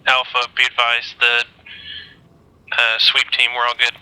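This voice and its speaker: A man's voice: mid-range voice, completely flat delivery, measured pace, bright, forceful tone, clear, resonant tone, no room sound, rough recording. A man calling over a radio with static bursts, leading his team with clipped radio procedure and casual slips in between. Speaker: team leader on squad radio. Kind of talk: military radio procedure in a game.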